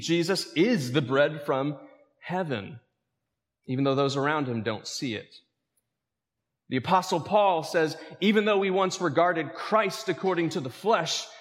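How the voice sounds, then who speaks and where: A man's voice: on the high side, a little slow, long reverb tail. A male pastor preaching a sermon, calling out questions to his congregation. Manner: lively preaching with calls to the congregation.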